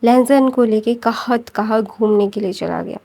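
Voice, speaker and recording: A strict middle-aged mother complains in quick, clipped sentences, as a woman storyteller voices her. Her voice sits fairly high with a warm, mellow tone. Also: creaky. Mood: complaining.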